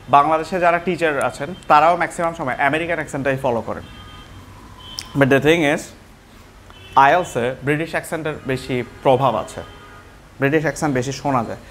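A man's voice: mid-range voice, a bit bright, slight background noise. A man teaching English pronunciation, switching between Bengali and English and repeating example words.

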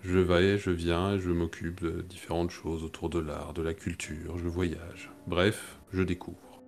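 Man, very deep voice, flat and even, relaxed tabletop player. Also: measured pace, soft background music. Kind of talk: tabletop game role-play.

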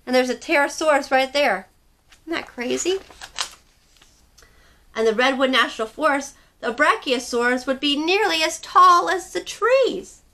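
A woman's voice: high-pitched, animated, measured pace, pushed and bright, slight background noise. A young woman hosting a children's story time, guiding a child through movements and reading a picture book aloud in a sing-song, encouraging way. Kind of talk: leading a kids' movement activity and reading aloud.

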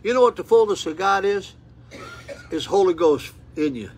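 A man's voice: high voice, lively intonation, moderate pace, husky. A man in his eighties preaching while seated, reading scripture aloud and breaking into fervent exclamations, recorded on a phone camera in a small room. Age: 80s. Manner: fervent, rising to exclamations, repeats words and restarts. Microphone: phone camera at close range.

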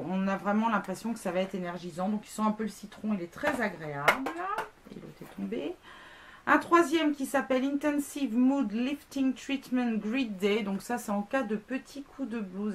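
Casual woman vlogger in her thirties, medium pitch, talkative and self-mocking, light noise behind her. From France. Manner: chatty, self-deprecating, many fillers. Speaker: beauty blogger. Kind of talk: casual product review.

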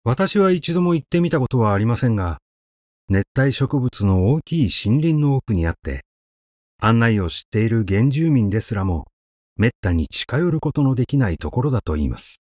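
A man voices an audiobook of a literary short story with measured expression in a mid-range voice. There is no room sound, just clean studio audio.

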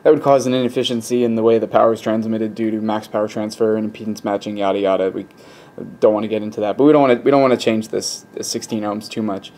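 At an indoor electronics workbench, the host of an electronics hobby channel talks fast in a lowish voice, giving a casual technical explanation while thinking aloud in a hesitant, rambling way. His handheld camera's mic sits behind the lens and picks up steady static noise, with radio static playing from a speaker in the background.

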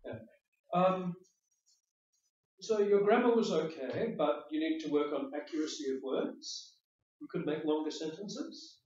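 The speaker is a patient male IELTS speaking teacher offering spoken test feedback, animated yet measured in pace, with a highish, darkish voice. He explains as he goes and repeats words while thinking. The echoey classroom is captured on a distant, dull mic.

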